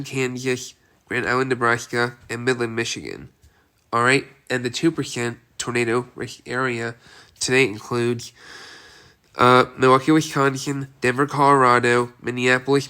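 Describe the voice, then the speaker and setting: A weather forecaster with a cold reads a severe weather outlook for an amateur video, his stuffy voice still bright and sharp at a medium pitch with a clean tone. He speaks plainly and repetitively, running through lists of cities and checking in with "all right" and "okay" after each.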